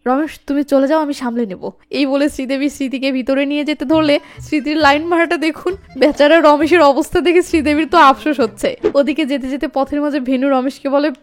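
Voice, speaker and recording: A young woman narrating a film recap as a story, reading out each character's lines herself in a lively way. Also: high voice, a little fast, few pauses.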